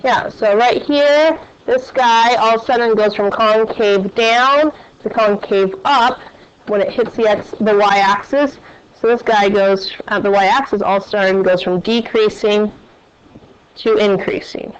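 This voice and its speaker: Slow-paced woman teaching a class. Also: mid-range voice. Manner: quizzing students with questions. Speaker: math teacher. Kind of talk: classroom lecture. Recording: dull, lo-fi classroom recording.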